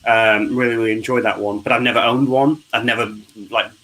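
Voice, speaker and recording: A man's voice: mid-range voice, fairly even intonation, a little fast, a bit bright, poor audio. A man hosting a charity live stream, chatting and teasing his guests on a video call. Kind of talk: casual group chat.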